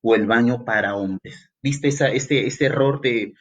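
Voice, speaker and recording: A Peruvian man with a medium-pitched voice takes a measured pace through an entrance-exam grammar lesson, heard in a rough recording. Lively and talking directly to the student, he now and then stages the student's questions himself.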